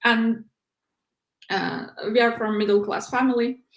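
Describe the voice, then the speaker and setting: There's reverb and a faint hiss or hum as a young Uzbek woman, a PhD researcher and non-native English speaker, chats as an interview guest. Her voice is on the high side, and she's halting, with many restarts and plenty of "uh" and "like."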